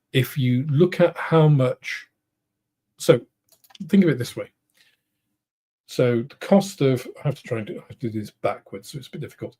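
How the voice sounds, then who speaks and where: A middle-aged man with a British accent, hosting a casual livestream, answering viewers in a rambling, thoughtful way with many pauses and restarts. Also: mid-range voice, dark tone, husky. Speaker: host of a model-making livestream. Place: home studio room.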